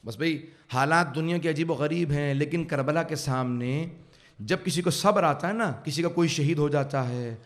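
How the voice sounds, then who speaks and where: A male cleric giving an emotional sermon at a religious center, telling stories fervently and swelling to loud emphasis. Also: on the high side. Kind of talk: emotional Urdu majlis sermon.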